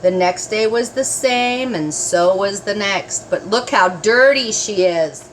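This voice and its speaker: Speaking at medium pitch, a grandmother reads a story to her grandchildren with a slow, expressive, grandmotherly manner, turning now and then to talk to the small children. The recording is rough, with slight background noise.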